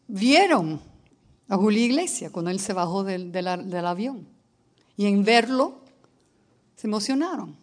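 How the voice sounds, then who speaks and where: A woman preaching a sermon at a slow, deliberate pace. Her voice sits slightly high, and she tells stories before building to emphatic declarations. She slips English words into her speech along the way. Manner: storytelling, rising to emphatic declarations.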